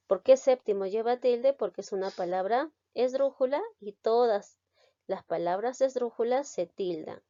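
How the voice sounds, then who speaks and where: A woman's voice: mid-range voice, mellow, no echo, lo-fi sound. A woman giving a recorded grammar lesson, explaining step by step and checking that listeners follow. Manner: explains slowly, checks understanding with "¿ven?". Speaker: teacher.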